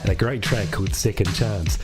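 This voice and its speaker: A New Zealand radio host keeps the patter friendly and upbeat as he links songs on his music show, with music playing under his voice in the studio. He talks briskly in a lowish voice.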